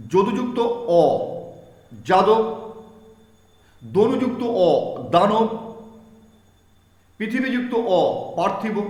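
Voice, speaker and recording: High-voiced man teaching in an echoey room. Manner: repeats terms, asks and answers own questions. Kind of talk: grammar lesson to students. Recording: echoey room with long reverb.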